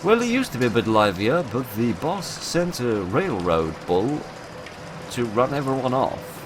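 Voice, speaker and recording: A man's voice: medium pitch, sing-song, normal speed, background noise, voice pushed up, natural voice. A man voicing a cheerful folksy drifter. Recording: game music playing underneath.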